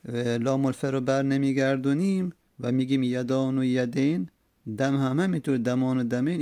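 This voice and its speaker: Guy teaching arabic grammar, raspy fry in his voice, lots of uh and repeats, dry room. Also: medium pitch, mellow, no room sound. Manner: slow and repetitive, with many hesitations. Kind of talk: explaining a grammar text.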